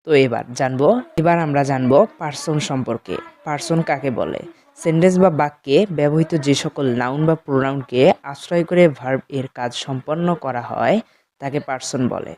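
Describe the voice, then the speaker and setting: A man teaching beginners in a slow, explanatory way with a Bengali accent, talking directly to his students. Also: medium pitch, a little mellow, slight background noise. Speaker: English teacher. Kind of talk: spoken lesson.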